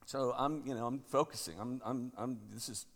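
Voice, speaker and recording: A man in his thirties, a pastor, leading a prayer and then giving a halting talk with many fillers and restarts in a large church, his voice ringing in a cathedral echo. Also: medium pitch.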